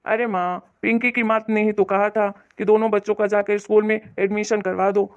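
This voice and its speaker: A woman voicing a grown son in an animated cartoon, a mild shopkeeper who placates his mother. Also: medium pitch, fairly quick, close to an everyday voice. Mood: placating. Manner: placating, reasonable. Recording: dull lo-fi audio.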